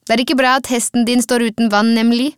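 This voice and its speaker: Woman voicing an awkward young stable hand with a Latvian accent, blunt, halting lines, dry sound, storybook reading. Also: fairly high pitch, level tone, clean tone, dry recording, voice pushed up, close to an everyday voice.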